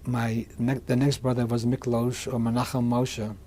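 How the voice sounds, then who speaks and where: A man in his sixties from Hungary, giving oral history testimony in a halting way, often restarting and repeating words. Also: mid-range voice, level tone, dark tone, slight background noise. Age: 60s. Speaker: interviewee.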